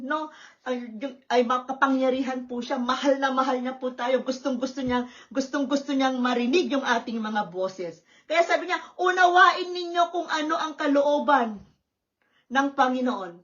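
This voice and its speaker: A woman pastor preaching a sermon at a church service, lively and often checking in with the congregation. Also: high-pitched, moderate pace, lo-fi sound. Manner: lively, questioning the congregation with tag words.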